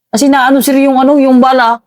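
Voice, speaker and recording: An army veteran recounts combat in a casual interview, speaking haltingly and repeatedly addressing the host as "sir." His voice is very high with little pitch movement, and there's no room sound.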